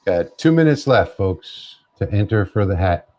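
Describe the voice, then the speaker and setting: A man's voice: low voice, very animated, normal speed, darkish tone. A man hosting a casual livestream from a home laser workshop, chatty and thinking aloud on a wireless mic. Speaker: livestream host. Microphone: wireless clip-on mic. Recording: slightly muffled livestream audio.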